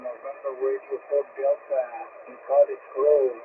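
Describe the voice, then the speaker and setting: A man's voice: mid-range voice, flat delivery, normal speed. Crackly shortwave radio man. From Mexico. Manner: courteous, repeats sign-off phrases. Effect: crackly shortwave radio transmission. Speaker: amateur radio operator. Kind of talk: ham radio contact calls with phonetic call signs. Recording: crackly narrow-band shortwave radio, loud static. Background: radio static.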